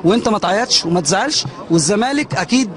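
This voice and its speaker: A man's voice: high voice, animated, racing, fairly bright tone. A man with an Egyptian accent working as a reporter, doing an on-the-spot interview and prompting with short questions. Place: outside a large stadium. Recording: outdoor crowd noise behind. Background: crowd and urban outdoor noise.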